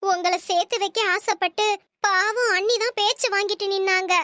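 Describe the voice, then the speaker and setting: A scheming cartoon mother, voiced by a woman, sounding very high and piercingly bright. She lectures and commands her son, then turns to pleading with put-on tears. The recording is completely dry and close. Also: steady tone, normal speed, no echo. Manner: scolding, lecturing, fake tearful pleading. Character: stern scheming middle-aged mother, manipulative. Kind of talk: cartoon story voice acting.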